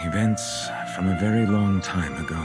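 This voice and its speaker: Guy doing a deep grave old-soul judge from a game teaser, slow and measured, loud score behind him. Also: over loud music, natural voice. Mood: pensive. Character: ageless solemn male chief justice. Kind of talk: game trailer voice acting.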